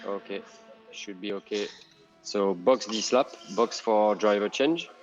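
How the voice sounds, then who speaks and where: A man's voice: fairly low pitch, measured pace, lo-fi sound, soft background music. A man working as race engineer, giving brief, clipped instructions over the race team radio.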